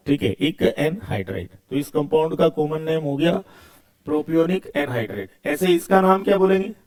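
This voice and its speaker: A male chemistry teacher, speaking in a somewhat high voice. He keeps asking questions and answering them himself, repeating key words as he goes. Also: darkish tone. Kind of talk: video lecture.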